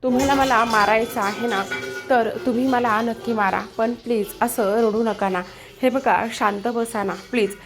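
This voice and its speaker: A woman's voice: a little high, steady tone, normal speed, soft background music, lightly acted. A woman doing a pleading apologetic young man.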